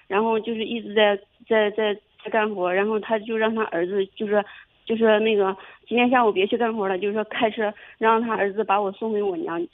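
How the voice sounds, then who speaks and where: A young woman calling in to a radio advice show, telling her story haltingly with many restarts. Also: medium pitch. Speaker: caller. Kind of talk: phone-in advice call. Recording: tinny phone line.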